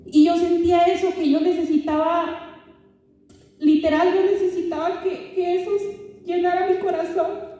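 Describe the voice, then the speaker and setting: Young woman, high voice, giving an earnest testimony to youth, recorded far off in a booming hall. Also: level tone, warm tone. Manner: earnest, addresses listeners directly, often halting and repeating words. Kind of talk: emotional spoken testimony to a youth group.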